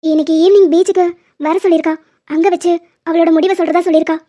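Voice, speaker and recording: A woman's voice: very high-pitched, steady tone, racing, mellow. A woman voicing an emotional, impulsive young woman in a dubbed cartoon drama, talking with urgent, tearful pleading. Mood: anxious. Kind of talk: Tamil cartoon dubbing.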